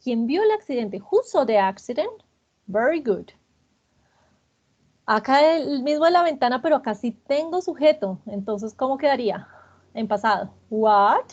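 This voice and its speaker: A woman with a fairly high, husky voice leads a grammar lesson. She patiently repeats each student's answer and encourages them. The recording sounds dull and lo-fi. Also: lively intonation, moderate pace, a little mellow. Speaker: English teacher.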